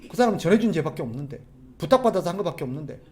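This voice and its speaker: A man preaching a sermon as a pastor, animated, putting rhetorical questions to the congregation. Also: a little high, very fast. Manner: acts out quoted people's voices.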